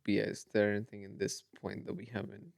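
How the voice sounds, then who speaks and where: A young man co-hosts a podcast in easygoing chat. His voice sits a little low. He keeps asking questions and laughs easily, recorded dry on a close mic. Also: level tone, fast, vocal fry, dry recording. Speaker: podcast co-host. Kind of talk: casual chat.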